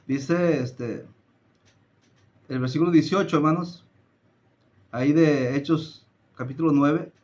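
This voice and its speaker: Deliberate Spanish-language preacher man. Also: a little high, darkish tone, highs cut off. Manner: calls listeners brothers often, reads scripture aloud; slow deliberate emphasis with some filler hesitations. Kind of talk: Bible study sermon. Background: greets a viewer by name, live stream.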